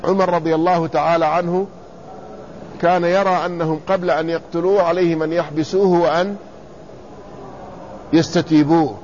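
A man's voice: on the high side, a little mellow. Man teaching from a classical text. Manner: reads quoted commentary, then explains it slowly and repeats words to spell out vowels. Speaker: teacher explaining hadith commentary. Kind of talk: classical Arabic lesson reading and explaining a text. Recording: slightly dull lo-fi recording with faint room noise.

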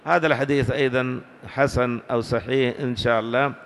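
A man giving a classical hadith lesson, reading slowly and deliberately and stopping to correct words. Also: mid-range voice, steady tone, fairly bright tone. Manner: slow, deliberate reading with pauses to correct wording. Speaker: hadith teacher. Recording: long hall reverb.

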